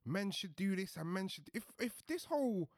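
A man's voice: sits high, sing-song, moderate pace, darkish tone, no room sound, studio quality. A young man with a London roadman accent, bantering casually in an emphatic, slangy way in a group discussion. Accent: London, urban street slang.

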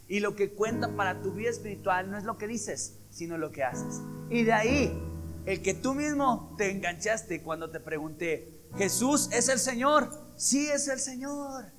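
A man preaching a sermon, emphatic and shifting between loud stresses and hushed asides. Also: high-pitched. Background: soft guitar music.

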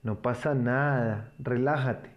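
A man's voice: mid-range voice, steady tone, slow, muffled recording, lightly acted. A man voicing a kind female nurse in a children's story, soothing and coaxing.

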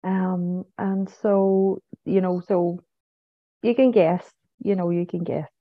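This woman speaks slowly with a fairly low pitch and fairly even intonation, her Northern Irish accent coming through a tinny phone-style line without room sound. A psychic medium interviewed on a podcast, she talks casually, repeats herself, and tags phrases with "you know" and "so it is."

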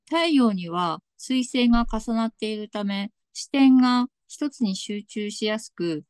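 A woman astrologer with a slight Tsugaru accent, giving a slow, deliberate reading with soft fillers. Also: medium pitch, no echo. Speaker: astrologer guest.

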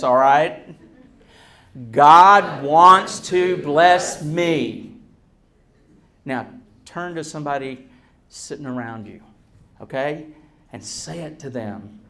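A man preaching a sermon to a congregation in a folksy, joking, self-deprecating way, with deliberate, emphatic phrasing and pauses. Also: medium pitch.

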